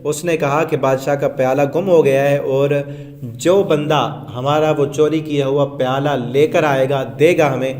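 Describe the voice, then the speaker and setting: A man's voice: on the high side, steady tone, a little mellow. A man teaching a word-by-word Quran translation lesson, reciting Arabic phrases and then explaining them in plain conversational Urdu with hesitant fillers.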